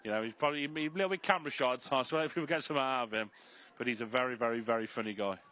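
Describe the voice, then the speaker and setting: A man's voice: medium pitch, racing, pushed and bright. A man working as a greyhound racing pundit, giving chatty, enthusiastic live analysis and repeating phrases for emphasis.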